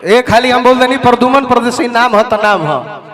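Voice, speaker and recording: High-voiced combative Bhojpuri singer man. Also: expressive, moderate pace, a faint crowd. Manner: loud, combative, boastful. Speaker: stage singer. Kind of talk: heated live stage argument. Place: outdoor wedding stage show.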